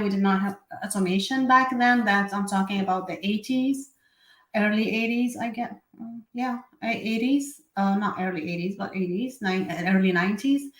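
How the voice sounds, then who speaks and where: Chatty woman from Syria, echoey room. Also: medium pitch. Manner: chatty, with many fillers and self-corrections. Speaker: bookkeeping and tax host. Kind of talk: casual live explainer.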